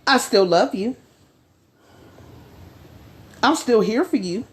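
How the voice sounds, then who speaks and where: A woman's voice: a little high, expressive. Emphatic woman with a preaching cadence. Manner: emphatic, preaching cadence with slow stressed phrases. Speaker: podcast co-host. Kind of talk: casual podcast discussion.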